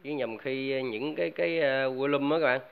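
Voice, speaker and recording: A man's voice: medium pitch, moderate pace, creaky, smooth. A man chatting casually to viewers about his home speaker build, rambling with many fillers and restarts. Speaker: DIY audio vlogger. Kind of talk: casual chat to camera. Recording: dull lo-fi home recording.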